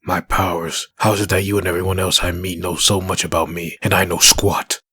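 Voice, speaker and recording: Spawn, a deep, raspy hellspawn antihero. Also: male voice, little pitch movement, fairly quick, pushed and bright, no room sound, clean studio sound, heavily acted. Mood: resentful. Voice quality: deep, gravelly rasp. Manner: gruff, terse, sarcastic. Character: brooding hellspawn antihero, gruff, violent and sardonic. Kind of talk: comic dub acting.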